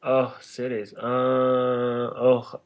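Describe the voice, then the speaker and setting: A man's voice: mid-range voice, completely flat delivery, extremely slow, highs cut off. Guy rambling on a podcast, laughing, restarting sentences, medium voice. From Norway. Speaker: podcast guest. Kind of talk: casual interview chat.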